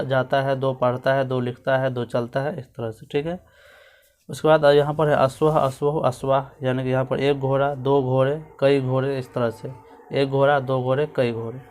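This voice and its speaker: A man teaching a school lesson, walking through a textbook page and drilling word forms aloud, with frequent check-ins to the listener. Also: medium pitch.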